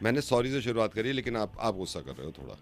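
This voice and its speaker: A man hosting a radio prank call, switching between begging apologies and loud scolding. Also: fairly low pitch, sing-song, fast talker, faint music behind. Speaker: radio host making prank calls.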